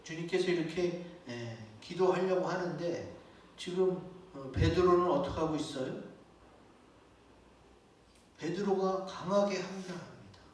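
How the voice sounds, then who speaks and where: Korean pastor preaching in an echoey church. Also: male voice, high voice, a little slow, pauses often, a little mellow, a little hiss or hum. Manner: conversational preaching with rhetorical questions. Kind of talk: sermon. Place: church sanctuary. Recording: echoey church hall, mic at a distance.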